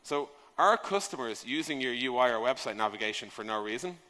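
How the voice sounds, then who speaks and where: In a large conference hall, a man on stage speaks on software product design with a medium-pitched voice that's expressive, fairly quick, bright and forceful. He keeps it informal and emphatic, conversational, using rhetorical questions and casual swear words. The sound is echoey, with a long reverb.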